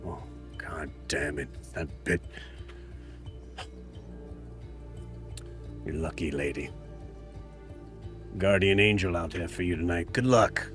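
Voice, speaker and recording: Guy doing a gruff sly thug for a tabletop game, taunting, lowish voice, music behind. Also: steady tone, unhurried. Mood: grudging. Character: gruff menacing male street thug, sly and jeering.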